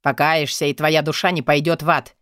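A woman's voice: sits low, flat delivery, brisk, a bit bright, dry recording, clean studio sound. A woman voicing a coarse male prison guard who talks bluntly and scornfully in an audiobook. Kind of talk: audiobook character voice.

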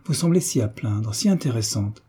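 A man reading an audiobook voices a gracious young duchess with gentle, affectionate questions, pitched higher than his narration. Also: expressive, normal speed, husky. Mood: tender.

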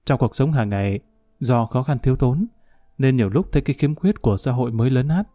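A man's voice: mid-range voice, expressive, a little fast, dark tone, no echo, lightly acted. A man voicing a grateful, emotional middle-aged doctor who speaks earnestly and formally. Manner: earnest, formal, effusive thanks.

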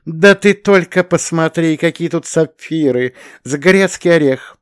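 Man reading as excitable young male planetologist, boastful, rapid-fire, raised pitch, audiobook. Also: clear, resonant tone, no echo, clean studio sound, natural voice. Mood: excited.

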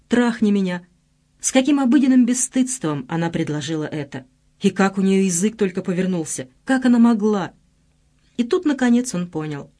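A narrator reading a novel aloud in an expressive, dramatic way. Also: mid-range voice. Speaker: audiobook narrator. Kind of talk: scripted narration.

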